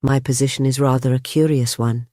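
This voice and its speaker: An audiobook reader voicing a male impostor professor who tells his tale in a wry, measured, droll way. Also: medium pitch, fairly even intonation, a little mellow, no room sound, studio quality, close to an everyday voice. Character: male impostor professor, dryly comic, rueful. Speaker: first-person storyteller in the novel. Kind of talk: audiobook character reading.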